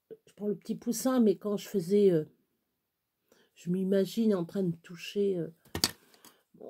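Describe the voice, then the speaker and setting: A French woman in her forties, a crafting vlogger, chats casually to the camera in a blunt, earthy manner, swinging between laughter and tears. Her voice is mellow and medium-pitched, with slight background noise.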